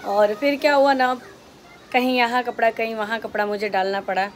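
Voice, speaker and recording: A woman's voice: on the high side, steady tone, moderate pace, slight background noise. A woman chatting casually to her viewers in a home vlog, walking through her day at home, now and then turning to her small child. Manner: chatty, narrates her day to viewers, switches to sing-song baby talk with her child. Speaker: home vlogger and mother. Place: home indoors.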